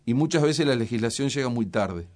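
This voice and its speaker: A middle-aged man with a Uruguayan Spanish accent speaks as a scientist guest in an interview. He explains at length in a measured manner, pausing often on fillers as he builds his answers. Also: medium pitch, lively intonation, a little mellow. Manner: measured, explanatory, many hesitations.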